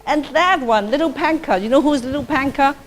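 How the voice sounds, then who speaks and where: The recording is rough, but a high-pitched female voice comes through a little fast as a Buddhist nun and publications director gives a casual dharma talk. Her first language is Cantonese; she's chatty with a friendly lilt, laughs easily, and often says "okay?".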